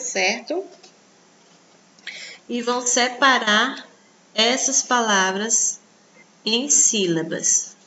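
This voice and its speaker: A Brazilian Portuguese woman teaching children in a recorded online lesson, slow and patient, pointing things out on the page. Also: medium pitch, bright, forceful tone, dull audio, a little hiss or hum. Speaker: primary school teacher.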